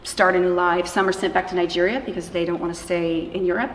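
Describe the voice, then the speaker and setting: A low-voiced woman talks fast but keeps a steady tone while answering questions about her job as a missionary leading an anti-trafficking organization. Her replies are earnest and conversational, and the room is echoey and reverberant, with faint noise.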